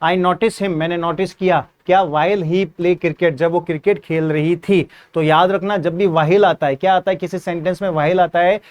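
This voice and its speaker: A man's voice: sits high, steady tone, moderate pace, hardly any pauses, clear, resonant tone. A male teacher, giving an exam-prep English grammar lesson, repeating points, quizzing students and spelling words out letter by letter.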